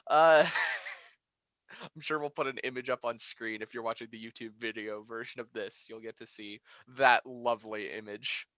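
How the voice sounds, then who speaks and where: A man's voice: mid-range voice, steady tone, normal speed, a bit bright, no room sound. A man co-hosting a podcast review, chatting casually, laughing often and swearing freely. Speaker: podcast co-host.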